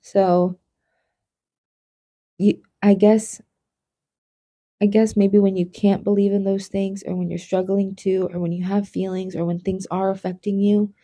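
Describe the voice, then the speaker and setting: A woman co-hosting a podcast, talking softly and reflectively in casual chat about a hard personal time. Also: mid-range voice, little pitch movement, measured pace, long pauses. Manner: soft-spoken, emotional, reflective. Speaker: podcast co-host.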